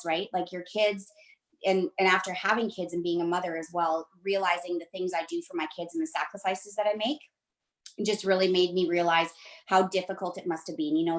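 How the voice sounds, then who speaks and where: A middle-aged woman from Romania, a podcast guest telling her story in a reflective, measured way. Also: fairly low pitch, echoey room. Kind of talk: interview conversation.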